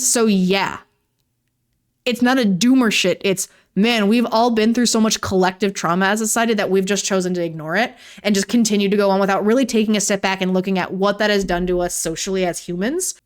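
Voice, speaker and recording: A young woman, giving a casual vlog commentary in a ranting, sarcastic way and swearing freely. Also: mid-range voice. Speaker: YouTuber.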